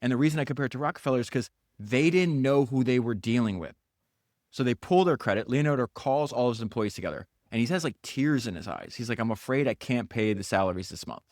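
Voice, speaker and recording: A man narrates a founder's biography on his podcast, speeding up in excited bursts and slipping into the voices of the people he quotes. He stammers and restarts as he goes. The sound is dry and close, with no room echo. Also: mid-range voice, fast. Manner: animated, acts out quotes in character. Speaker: podcast host.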